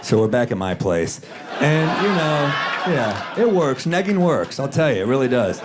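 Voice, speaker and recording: A man doing a stand-up comedy set on stage in a dry, deadpan manner. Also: mid-range voice, a little slow, a loud crowd. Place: comedy stage in front of a live audience. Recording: live show with audience laughter and room noise.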